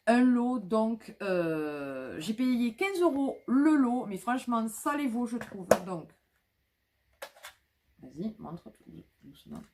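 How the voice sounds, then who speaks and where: A woman's voice: a little high, expressive, takes it slowly, hardly any pauses, darkish tone, slight background noise. A woman vlogging casually about flea market finds, talking with many fillers and restarts.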